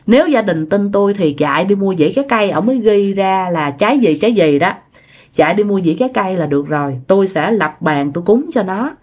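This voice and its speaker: A woman voicing a commanding male exorcist, laying out his plan in a brisk, matter-of-fact way. The pace runs quick and steady. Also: mid-range voice, lightly acted. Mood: instructing.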